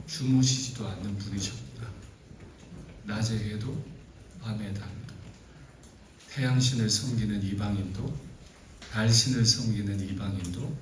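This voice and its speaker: A man's voice: on the low side, a little hiss or hum. A middle-aged man preaching a sermon at a youth retreat, telling stories with feeling and breaking into exasperated outbursts. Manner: animated storytelling, rising to exasperated outbursts. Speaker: pastor. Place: large church hall at a youth retreat. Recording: echoey hall, voice from far off.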